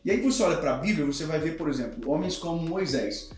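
Man, 30s, pastor, emphatic teaching tone, podcast talk, fairly high, very echoey room, faint music. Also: animated, quick pace. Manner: earnest, emphatic, teaching with examples. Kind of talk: podcast conversation.

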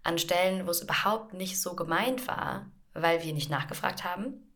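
A woman with a notably low voice co-hosting a relaxed podcast conversation. She explains with animated examples, often slipping into acted-out inner voices. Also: moderate pace. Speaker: podcast co-host, coach.

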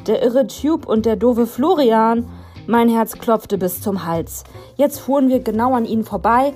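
A woman narrating a youth storybook in a lively way, putting on the characters' dialogue as she reads. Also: a little high, measured pace, faint music behind. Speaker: audiobook narrator.

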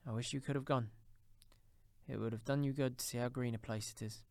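A man's voice: medium pitch, fairly even intonation, brisk, vocal fry, a little mellow, no room sound, close to an everyday voice. A man voicing a meek, poor, grieving father in a storybook reading, fond, earnest and emotional. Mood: tender, grieving. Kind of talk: audiobook character voice.

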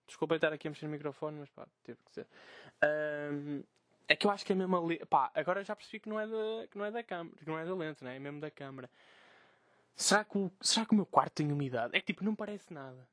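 Fast, swearing young Portuguese man. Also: fairly high pitch, no echo, studio quality. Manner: swearing, animated, mocking quoted voices. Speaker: podcast host. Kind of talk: casual solo podcast rant. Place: bedroom.

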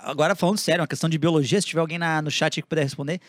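A man co-hosting a casual group chat, joking with animated interjections. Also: fairly high pitch, racing, no echo. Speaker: podcast co-host. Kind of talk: casual group chat about a reality show.

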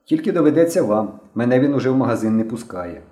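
A man's voice: medium pitch, expressive, quick pace, dark tone, lightly acted. A man voicing a boy who leads his friends in a storybook reading, talking in an assertive, scolding way. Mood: confident. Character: bossy boy leader of the gang. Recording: roomy echo.

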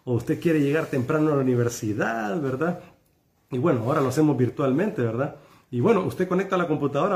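Lively male preacher, slightly high voice, talks to an online congregation. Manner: animated, frequent tag questions to listeners.

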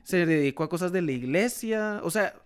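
Young guatemalan guy telling a story in casual chat, keeps saying va vos, smooth clear voice. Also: high voice, expressive, moderate pace. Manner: storytelling, tags sentences with "va, vos".

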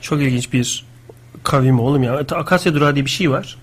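A man co-hosting a live radio talk show, chatting and joking in quick banter. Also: mid-range voice, slight background noise. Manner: rapid, joking banter with impressions. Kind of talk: casual live radio chat.

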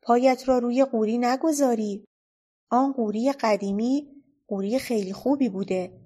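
Woman putting on a fearless cheeky little girl, bossy, playful, pitched up higher. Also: warm tone, husky. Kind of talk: storybook reading.

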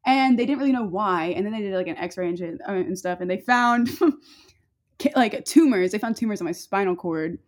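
A woman's voice: medium pitch, lively intonation, moderate pace. A young adult woman telling a personal story in casual chat, rambling with many fillers and breaking off into laughter.

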